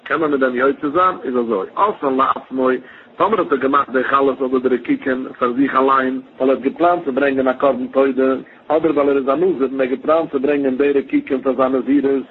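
A man's voice: mid-range voice, fairly even intonation, brisk, husky. A man giving a Talmud lesson, explaining in a chanting study cadence. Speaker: Talmud teacher. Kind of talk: Talmud lesson in Yiddish-tinged speech. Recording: tinny phone-line recording, faint hiss.

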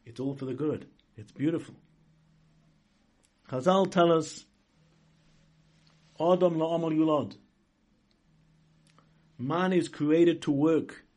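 A man speaking as a rabbi in an informal sermon, halting and rephrasing as he goes, with emphatic stresses. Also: fairly high pitch, darkish tone. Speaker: rabbi giving a religious talk. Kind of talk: informal sermon, inspirational religious lesson.

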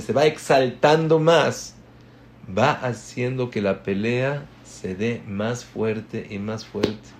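A man giving a religious class, telling stories that move between hushed and emphatic delivery. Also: medium pitch. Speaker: religious teacher.

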